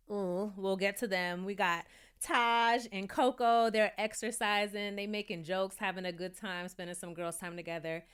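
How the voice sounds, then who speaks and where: A woman's voice: medium pitch, fairly bright tone, clean tone. A woman in her thirties with a New York accent, chatting candidly as she reviews a TV show and laughing easily. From New York City. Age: 30s. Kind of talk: casual review chat.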